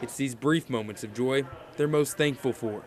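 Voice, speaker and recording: A man's voice: medium pitch, moderate pace. Man reporting live from an airport. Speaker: field reporter. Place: airport arrivals area. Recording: noisy airport background.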